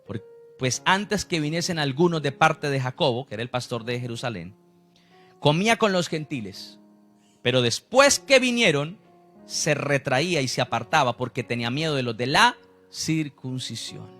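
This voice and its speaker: Animated preacher with a bright voice. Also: male voice, fairly high pitch, moderate pace, soft background music. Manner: animated preaching, acts out the people he quotes in voices. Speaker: pastor. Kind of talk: sermon.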